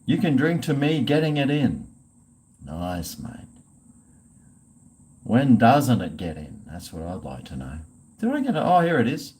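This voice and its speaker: A man's voice: medium pitch, huge pitch swings, measured pace, pauses often, a little mellow, rough recording. A man with an Australian accent chatting casually on a livestream, rambling and swearing in a blokey way. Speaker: live streamer chatting with viewers.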